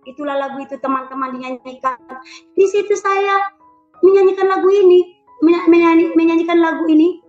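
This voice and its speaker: A woman's voice: extremely high pitch, brisk. A woman giving an emotional personal faith testimony, repeating phrases and calling out prayers aloud. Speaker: former shaman giving a church testimony. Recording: roomy, dull lo-fi sound with faint music.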